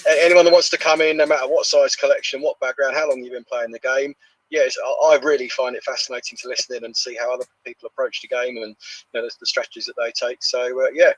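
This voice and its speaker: A man giving his views as a podcast guest, casual and a little halting. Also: medium pitch, flat delivery, low-quality recording. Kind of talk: casual strategy talk.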